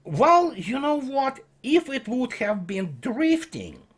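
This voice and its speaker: A man's voice: very high-pitched, big pitch swings, takes it slowly, breathy edge. A man talking in a casual commentary monologue, rambling and sarcastic, with many fillers and restarts. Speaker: channel host.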